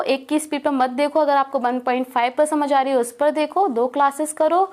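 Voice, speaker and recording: A young woman with a noticeably high voice talks through her exam preparation tips. She sounds relaxed and encouraging. She drops English words into her talk as she goes. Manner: relaxed, reassuring, mixes English words into Hindi. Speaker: exam prep advisor. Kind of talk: casual study-advice talk.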